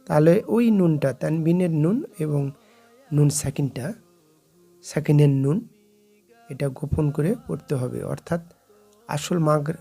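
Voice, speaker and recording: Male recitation teacher, slow gravelly delivery, soft music bed. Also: on the high side. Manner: slow, drawn-out recitation of Arabic examples. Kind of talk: slow explanatory lesson with slides.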